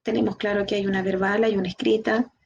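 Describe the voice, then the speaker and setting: A woman with a Chilean Spanish accent giving a training lecture, lively, asking her students rhetorical questions. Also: mid-range voice, fast, creaky, dull audio, slight background noise. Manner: lively, talks to the class directly with rhetorical questions. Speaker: instructor.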